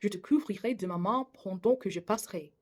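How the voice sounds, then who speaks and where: A woman reading a Bible chapter aloud in French, her English accent clear throughout. Her delivery is careful and measured, catching on a word now and then before going on. Her pitch sits in an ordinary middle range. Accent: English-speaking accent in French. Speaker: Bible reader, channel host.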